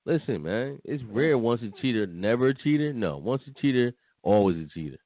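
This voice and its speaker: A man's voice: medium pitch, big pitch swings, fairly quick, no echo. A man co-hosting a podcast, talking bluntly and dismissively in casual chat, often repeating himself. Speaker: podcast co-host. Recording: tinny phone line, dry.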